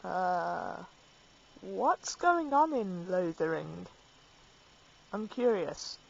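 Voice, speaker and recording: A woman's voice: fairly low pitch, big pitch swings, very slow, gravelly, dull audio. A woman casually playing through a fantasy game, reading dialogue choices aloud in a dry manner. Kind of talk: let's play commentary.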